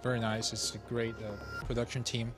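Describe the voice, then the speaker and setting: A man, an actor, talking hesitantly with many pauses in a casual interview. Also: medium pitch, flat delivery, over music.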